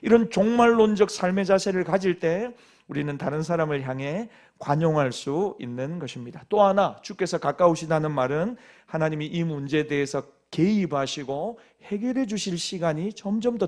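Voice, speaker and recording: A middle-aged pastor with a Gyeongsang accent from Busan, preaching a sermon in a folksy, joking storytelling way. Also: male voice, fairly high pitch, normal speed, darkish tone.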